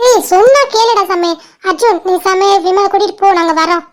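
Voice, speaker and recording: A woman's voice: very high-pitched, brisk. A woman voicing chatty young college girls in a cartoon, pleading and bossing the boys around affectionately. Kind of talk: cartoon voice acting.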